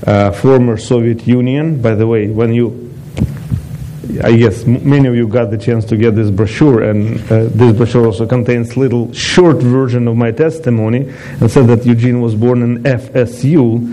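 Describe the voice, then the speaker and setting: Mellow-voiced man from Ukraine giving a testimony. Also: mid-range voice, fairly even intonation, normal speed, a little hiss or hum, poor audio. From eastern Ukraine. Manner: non-native phrasing, chatty with asides to the audience. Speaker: guest speaker giving a testimony. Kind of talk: personal testimony talk.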